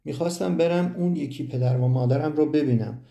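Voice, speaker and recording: A man narrating a first-person audiobook story in a steady storytelling manner. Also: a little high, vocal fry. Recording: roomy echo.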